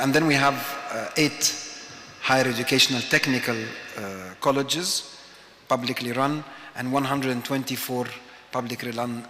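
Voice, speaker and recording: A man from Egypt giving a conference talk, pausing often with "uh" fillers as he speaks. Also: mid-range voice, pushed and bright, slight background noise. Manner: hesitant, many "uh" fillers. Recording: hall with long reverb.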